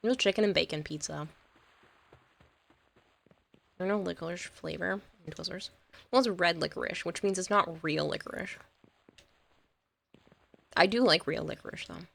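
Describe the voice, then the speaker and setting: Lady streaming a game, kinda low voice, rambles to chat and laughs a lot. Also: moderate pace, vocal fry, pauses often, fairly bright tone. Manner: chatty, rambling, laughs easily. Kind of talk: casual gameplay commentary and chat reading.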